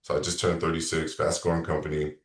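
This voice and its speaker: Very deep and fast, this man's voice echoes around the room, far from the mic. He's a real estate coach in his thirties, casually running a sales consultation over video, rambling a bit and self-correcting.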